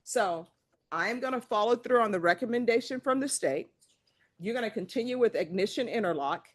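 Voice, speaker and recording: Firm, measured woman judge. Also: mid-range voice. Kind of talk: courtroom proceedings. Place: courtroom.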